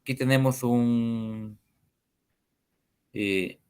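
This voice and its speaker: Man, online tutor, slow, hesitant, mid pitch. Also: fairly even intonation, darkish tone, smooth. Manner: slow and hesitant, many fillers. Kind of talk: screen-share coding tutorial.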